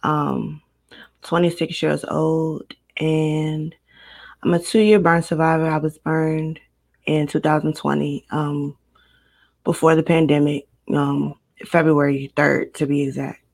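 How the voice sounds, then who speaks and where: A woman in her twenties from Maryland, a guest recounting a personal story in a casual interview, steady and matter-of-fact. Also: low-pitched, slow pace, gravelly. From Maryland, United States. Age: 20s.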